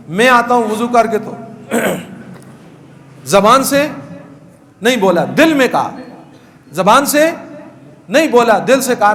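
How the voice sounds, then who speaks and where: A man from Pakistan who preaches at a mosque, teaching the rules of prayer to his congregation, often stopping to ask them questions and answer them himself, and chanting words slowly to demonstrate. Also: extremely high pitch, a bit bright. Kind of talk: religious lesson to a congregation.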